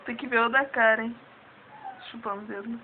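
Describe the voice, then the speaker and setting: A woman's voice: on the high side, steady tone, fairly quick. A young woman in a casual home video, coaxing her pet dog in baby talk between blunt swearing. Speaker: dog owner filming at home. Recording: tinny lo-fi home recording with faint hiss.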